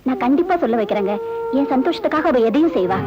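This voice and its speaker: An actress playing a soft-spoken, accommodating village mother in a 1980s film drama. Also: high voice, animated, fast talker, highs cut off. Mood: gentle. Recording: old film soundtrack with loud music.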